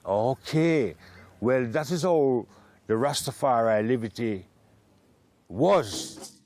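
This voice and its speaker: A Jamaican man telling his story in an interview, in measured Rasta speech. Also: medium pitch, lively intonation, darkish tone.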